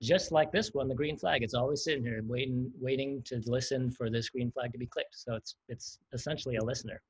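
A man's voice: mid-range voice, a little fast, husky. A man teaching a livestreamed coding lesson, chatty and explanatory, often laughing. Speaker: coding instructor. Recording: dull lo-fi stream audio.

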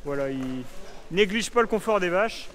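A young farm vlogger in his twenties casually walks viewers through a large indoor barn and milking parlour, animated and enthusiastic, with frequent fillers, on an action camera held at arm's length. His high, fairly bright voice keeps a moderate pace, and there's a little hiss or hum.

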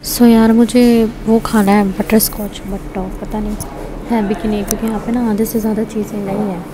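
A woman's voice: mid-range voice, rough recording. A woman talking through her casual vlog, chatty and laughing often, repeating herself as she goes. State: tired at the end. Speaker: vlogger.

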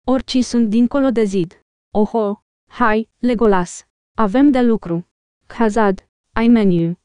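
Brief: woman voicing a boastful dwarf warrior, clear, mellow, storybook reading. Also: on the high side, no room sound, lightly acted.

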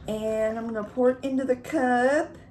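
Making chocolate milk and cutting pizza at home, a young woman chats and rambles through a casual mukbang vlog for her viewers. Her voice is on the high side and a little mellow, with fairly even intonation and a moderate pace, over a faint TV and a little hiss or hum.

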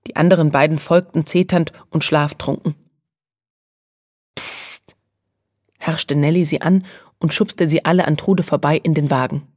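Children's audiobook narrator, woman, low husky voice, calm even delivery, dry studio sound. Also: moderate pace, no echo. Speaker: audiobook reader.

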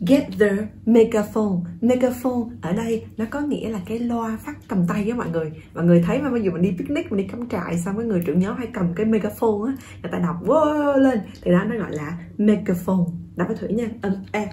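A woman from Vietnam teaching English through a song, repeating words slowly and coaxing learners to say them with her. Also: mid-range voice, animated, dark tone, slight background noise. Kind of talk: song-based pronunciation lesson.

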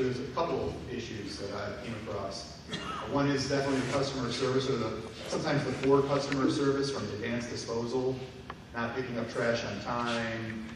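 Man, middle-aged, town hall question, rambling, earnest, echoey distant hall, noisy. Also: mid-range voice. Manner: earnest, rambling, many fillers. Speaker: audience member asking a question. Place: large community hall, indoors. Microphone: standing mic, heard from far off.

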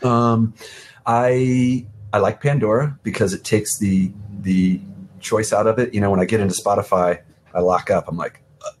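A man's voice: fairly low pitch, steady tone, moderate pace, darkish tone, slight background noise. A man, an art director, chatting casually as a podcast guest, rambling with frequent restarts and easy laughter. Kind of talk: casual chat.

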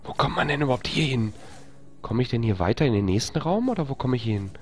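A man's voice: expressive, quick pace, soft background music. A man streaming a horror game live, chatting with viewers and swearing in panic when attacked. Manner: panicked swearing, screaming in high pitch; whispers while sneaking. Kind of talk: live let's play commentary.

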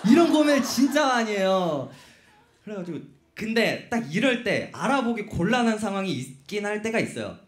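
Man, high voice, very lively, playful storyteller, live stage talk, echoey concert hall. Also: normal speed. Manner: playful, animated storyteller who teases the crowd. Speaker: crew member hosting a fan talk show. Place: concert hall stage before about 300 fans.

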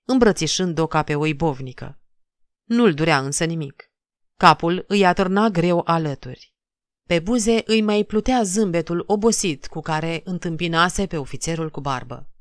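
Woman narrator, lowish voice, dry close recording, measured dramatic literary reading. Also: no echo. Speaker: audiobook narrator.

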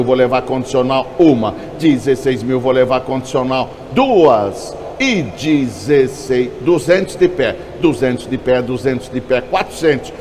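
A man's voice: mid-range voice, darkish tone, slight background noise. A Brazilian man working as an auctioneer, chanting bids in short, repeated number phrases. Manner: repetitive bid calling, clipped number phrases.

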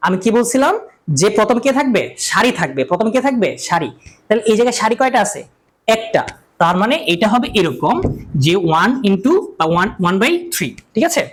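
A man's voice: high-pitched, very animated, normal speed, low-quality recording. A man teaching a math lecture, asking questions and answering them himself, and repeating key terms over and over.

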